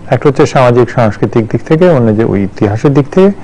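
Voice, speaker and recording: A man in his sixties gives studio commentary as a journalist and teacher. His voice carries a gravelly fry. He talks in a thoughtful, digressive way, restarting sentences and filling pauses with "um" and "ah.". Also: medium pitch, expressive, dark tone, poor audio. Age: 60s.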